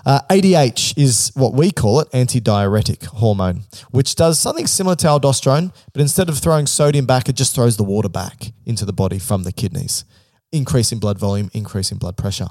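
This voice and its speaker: A man talks at a middle pitch in a casual, explanatory chat, walking through ideas step by step with an informal, joking edge. The sound is close and dry, with no room echo. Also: fairly quick, darkish tone. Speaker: podcast co-host.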